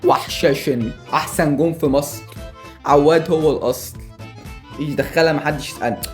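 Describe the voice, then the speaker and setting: A man with an Egyptian Arabic accent doing excitable live commentary over a football video game, yelling at the players and joking with viewers. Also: a little high, a little fast, soft background music. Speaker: gaming YouTuber.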